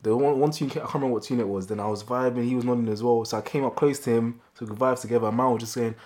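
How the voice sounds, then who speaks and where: Young guy, medium pitch, slangy casual storytelling, repeats himself a lot. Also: fairly even intonation, racing, darkish tone. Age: young adult. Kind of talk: casual anecdote telling.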